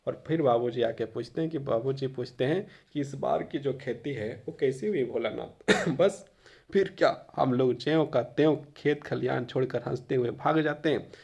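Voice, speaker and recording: A male Hindi teacher who reads a textbook passage aloud and then explains it in casual spoken Hindi, often pausing on filler phrases and sometimes coughing. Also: medium pitch, creaky, warm tone, husky. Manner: occasional coughs. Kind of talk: reading and explaining a textbook chapter.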